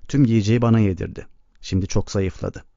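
A man reading the lines of a starving young boy who speaks in a cracked, flat monotone. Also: lowish voice, a little fast, no echo, close to an everyday voice. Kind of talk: audiobook reading. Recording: dull lo-fi recording.

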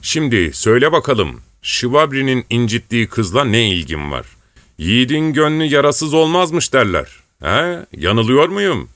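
A man's voice: medium pitch, sing-song, a little slow, fairly bright tone, dry recording, studio quality, voice pushed up. A man reading an audiobook and voicing a grand male rebel leader who jokes and gives orders. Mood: jovial. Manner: joking, commanding.

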